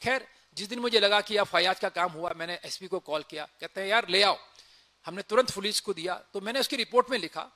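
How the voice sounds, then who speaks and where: With a high voice and few pauses, a former officer races through a lively anecdote from his time in the army. He plays out the conversations as he narrates.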